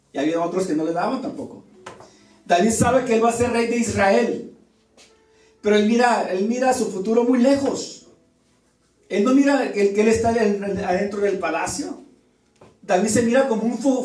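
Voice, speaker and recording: Brief: male pastor, high voice, lively storytelling sermon, far from the mic in an echoey church. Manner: animated storytelling, acts out quoted voices. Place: church hall.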